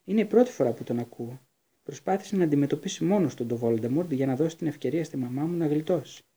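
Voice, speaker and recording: An eager teenage boy wizard in a storybook, earnest and pleading, with a raised, slightly husky voice, as a male reader puts him on. A gravelly edge stays under the boyish lift. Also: on the high side, expressive, dark tone.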